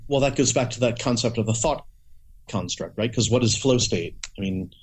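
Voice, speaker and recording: A man's voice: medium pitch, moderate pace, a little hiss or hum. A man chatting casually as a podcast guest, rambling with many restarts and playful acted-out asides. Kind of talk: casual conversation.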